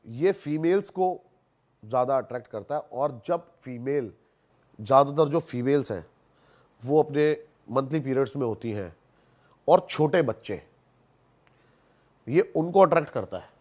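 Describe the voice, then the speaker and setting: Speaking at a measured pace with long pauses, the man has a mid-range, darkish voice and an animated delivery. He's a podcast guest who investigates haunted places, spinning casual, colloquial stories full of repetition for emphasis and English words mixed in.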